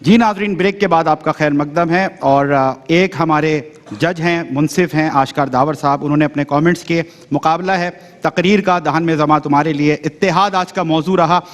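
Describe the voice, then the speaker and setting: A male TV host introduces the next judge in a formal announcing manner. His slightly high voice carries a long studio-hall reverb. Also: moderate pace. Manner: brief acknowledgements, formal announcing. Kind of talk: TV show hosting.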